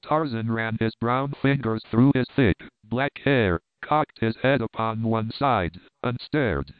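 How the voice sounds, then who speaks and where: A man giving a steady, measured reading of an adventure storybook. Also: on the low side, clean tone, no echo. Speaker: audiobook narrator. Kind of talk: scripted story narration. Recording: narrow phone-like sound.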